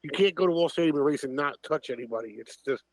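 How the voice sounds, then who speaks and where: A man's voice: on the high side, quick pace, dry recording, poor audio. A man on a podcast, chatting casually with dry, teasing remarks. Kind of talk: casual chat.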